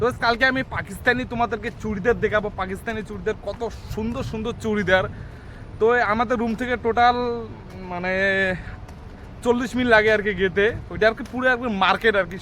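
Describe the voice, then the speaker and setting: Walking through a city full of traffic noise and then into a large mosque, an Indian man vlogs casually in a high, fairly bright voice. He's chatty with his viewers, calling them guys and filling his talk with fillers.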